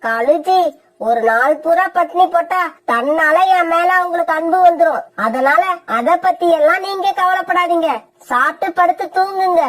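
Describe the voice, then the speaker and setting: A high-voiced cartoon mother bird with a sharp, sarcastic tongue, as a woman acts her out. She scolds and threatens in quick, biting phrases. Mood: scolding.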